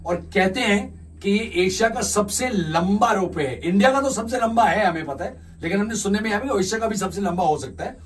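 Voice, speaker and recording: A bearded man in his thirties with a high voice shares facts and dry jokes from inside a cable car. He sounds a little away from the mic. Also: lively intonation, moderate pace, few pauses, distant mic, slight background noise. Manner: dry wit, rattling off facts. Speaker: travel show co-host. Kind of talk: travel vlog chat.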